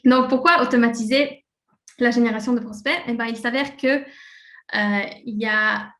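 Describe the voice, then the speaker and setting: A woman with a French-speaking Swiss background leads a live online presentation in a relaxed, conversational way. Her voice sits a little high, and she scatters fillers through her sentences. The recording has a noticeably echoey room sound. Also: moderate pace. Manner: casual and chatty, many fillers, laughs at slips. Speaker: presenter of a software webinar.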